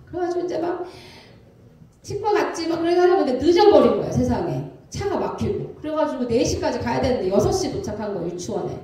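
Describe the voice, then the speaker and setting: A pastor's wife in her thirties giving an animated testimony sermon, acting out the voices in her story. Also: high voice, quick pace. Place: church sanctuary. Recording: very echoey church from a distance.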